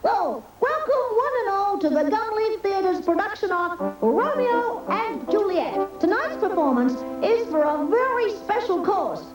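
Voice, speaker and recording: A woman's voice: very high-pitched, sing-song, measured pace, few pauses, roomy sound, distant mic, faint music behind, heavily acted, low-quality recording. A woman voicing a cheeky young male koala who eagerly bosses his friends around. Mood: showy. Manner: eager, showy stage-director chatter. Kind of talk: animated cartoon voice acting.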